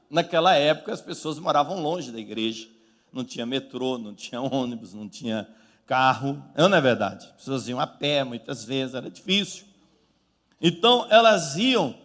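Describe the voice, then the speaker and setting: A man's voice: high voice, fairly bright tone. A male pastor preaching a sermon, telling the story dramatically and acting out the quoted lines with rising force. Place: large church hall. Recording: church hall reverb.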